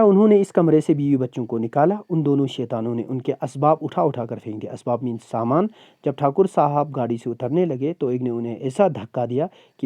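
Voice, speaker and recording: مرد استاد، نرم گرم آواز میں سبق. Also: male voice, fairly high pitch, mellow, no room sound, dull audio. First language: Purgi. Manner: explains words slowly, stretches sounds, checks with "ٹھیک ہے؟". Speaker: Urdu teacher. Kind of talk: recorded class lecture.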